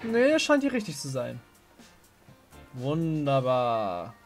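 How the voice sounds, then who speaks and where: A man's voice: fairly high pitch, big pitch swings, normal speed, slightly rough. A man giving casual let's play commentary while he plays a video game. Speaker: gamer commenting on his play. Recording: game music behind the voice. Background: video game music.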